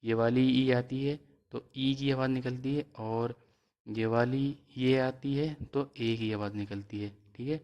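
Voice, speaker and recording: A man teaching a reading lesson, spelling out letters and vowel marks slowly and then blending them into words. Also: medium pitch, fairly even intonation, lo-fi sound.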